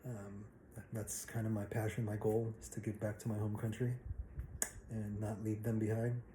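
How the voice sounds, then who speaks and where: A man in his forties from the Philippines introducing himself to a class in a casual, halting way with many fillers. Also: fairly low pitch, level tone, echoey room, noisy background. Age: 40s.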